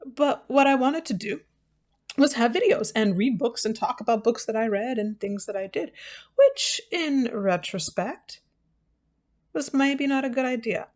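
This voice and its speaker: An American woman who runs a book channel chats loosely and unscripted with her viewers, wry, self-deprecating and prone to tangents. Her voice sits fairly high and slightly mellow, with lively intonation and an unhurried pace.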